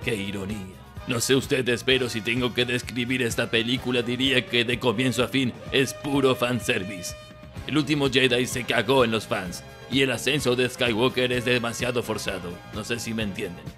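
Parody dub: male actor as sardonic old villain emperor, Latin American Spanish accent, forceful tone, mid pitch, light music behind. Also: steady tone, normal speed, natural voice. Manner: sardonic, exasperated, swearing. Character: grumpy, foul-mouthed old male evil emperor reviewing a film. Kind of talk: comic scripted review in parody dub. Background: background music.

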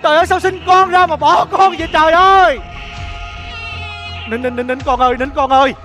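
A man's voice: high-pitched, normal speed. An actor playing a poor street-singer father, speaking with a coaxing, tender manner. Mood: frantic. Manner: coaxing, tender, then loud and frantic. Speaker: actor in a staged skit. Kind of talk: sentimental stage drama. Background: music.

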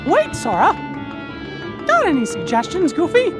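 An actor voicing a cheerful, plucky cartoon mouse musketeer in a high squeaky falsetto, with scored game music behind him. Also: male voice, huge pitch swings, unhurried, heavily acted. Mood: earnest.

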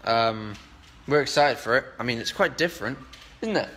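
A young man chatting casually and joking on a livestream while playing pool in a flat. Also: mid-range voice, normal speed. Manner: joking, laid-back. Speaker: band member on livestream. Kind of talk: casual chat. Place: flat with pool table, indoors. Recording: echoey room with background noise.

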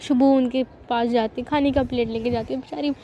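A woman's voice: high-pitched, fairly even intonation, brisk, dark tone, slight background noise. A woman telling a story in a casual, chatty way with sympathetic asides, in a dull lo-fi recording.

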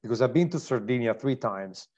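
A man's voice: medium pitch, expressive, a little fast, darkish tone, highs cut off. A man with an Italian accent hosting a live online wine tasting, describing wines with enthusiasm and frequent restarts. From Italy.

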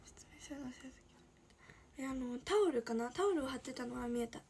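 An 18-year-old woman from Shizuoka, Japan, chatting casually on a livestream and answering viewer comments, often slipping into a soft breathy whisper. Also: high-pitched, expressive, quick pace, background noise. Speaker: idol livestreamer.

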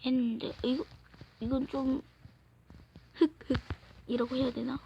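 A woman gaming creator reading a game's story aloud at home, voicing the characters herself and often slipping into soft whispers. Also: high voice, fairly even intonation, measured pace, vocal fry, a little hiss or hum. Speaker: gaming YouTuber. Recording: dull lo-fi recording.

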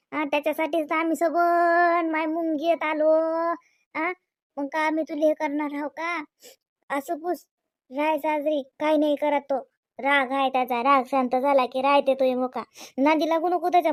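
A woman's voice: sits high, no echo, studio quality, natural voice. Woman doing a nagging Varhadi mother-in-law. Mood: coaxing. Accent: Varhadi Marathi. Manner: nagging, keeps tagging questions. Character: scolding middle-aged village mother-in-law. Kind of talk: cartoon voice acting.

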